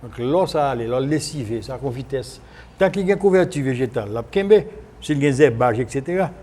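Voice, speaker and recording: A man with a Haitian accent speaking as a guest in an unscripted radio discussion, explaining things in a halting way with repetitions and self-corrections. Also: medium pitch, lively intonation, a little mellow. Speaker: guest, former senator. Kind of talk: unscripted radio interview discussion, switching between French and Creole. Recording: noisy archive broadcast recording.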